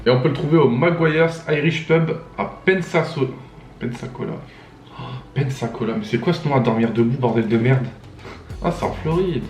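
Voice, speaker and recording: A man's voice: mid-range voice, moderate pace, slight background noise. A young man hosting a reaction video, reading captions aloud and joking about them with lots of laughter. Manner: animated, laughs often, reads captions aloud then mocks them. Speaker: YouTuber host. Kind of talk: casual reaction commentary. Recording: echoey room.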